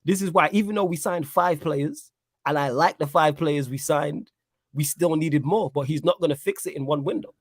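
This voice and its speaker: A man's voice: fairly high pitch, moderate pace, dry recording, clean studio sound. A man giving a casual football reaction, emphatic and repeating himself for effect. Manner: emphatic, repeats "you know what I'm saying". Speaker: football pundit.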